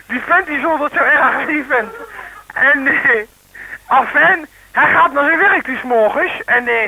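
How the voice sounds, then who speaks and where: A man's voice: extremely high pitch, sharp tone, a little hiss or hum, low-quality recording. A man calling in to a radio show and telling jokes in a rambling way, full of restarts. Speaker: radio caller. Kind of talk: casual joke telling on air.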